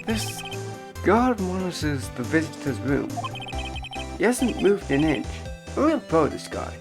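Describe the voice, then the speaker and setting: A hoarse woman streaming a game live, reading the lines aloud and making crude, joking asides. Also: low voice, very animated, unhurried. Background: game music.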